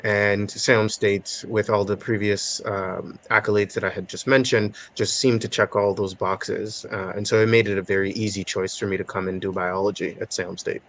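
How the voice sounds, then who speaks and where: A young man from Haiti in his twenties, a guest on a podcast interview, answering in a measured, thoughtful way with many filler pauses. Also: lowish voice, level tone, a bit bright.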